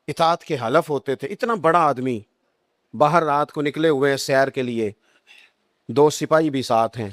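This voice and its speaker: A male preacher with a Punjabi accent, telling stories in a sermon and rising high and emphatic on quoted lines. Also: no echo, studio quality. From Pakistan.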